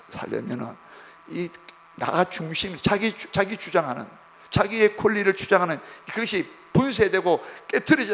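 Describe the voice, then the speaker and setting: A man's voice: high-pitched, creaky, fairly bright tone, slight background noise. A male pastor preaching a sermon in a church, emphatic and repetitive, often checking in with the congregation. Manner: emphatic, repeats points, prods the congregation with "예?". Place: church sanctuary. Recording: long church hall reverb.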